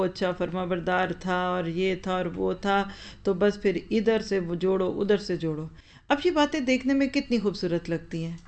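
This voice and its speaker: A woman's voice: mid-range voice, darkish tone. A woman religious teacher giving an Islamic lecture, explaining her points, asking pointed rhetorical questions and repeating phrases for stress.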